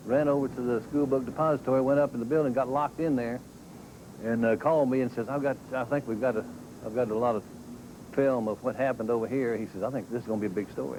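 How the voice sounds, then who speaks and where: A man in a documentary interview telling stories from his years in television news, in a wry, lively way. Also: mid-range voice, slight background noise, low-quality recording. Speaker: former TV newsman. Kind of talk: documentary interview, recalling the past.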